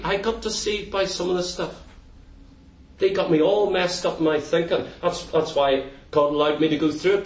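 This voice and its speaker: A male pastor delivers a fervent, emphatic sermon, hammering points home through repetition. His voice sits high, and the sound is roomy and echoing, picked up from well back in the church. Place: church sanctuary. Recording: echoey hall, distant mic.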